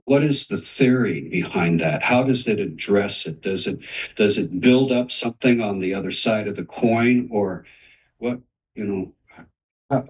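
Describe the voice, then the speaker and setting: A man's voice: on the low side, recorded from a distance, low-quality recording. A man asking probing, rambling questions about how a program works in a casual call. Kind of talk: casual video-call discussion.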